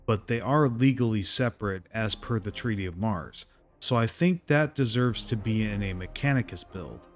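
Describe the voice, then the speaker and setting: A man's voice: on the low side, animated, normal speed. A man giving a casual, opinionated gameplay guide as a voice-over, explaining his choices informally. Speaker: video game guide host. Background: faint music.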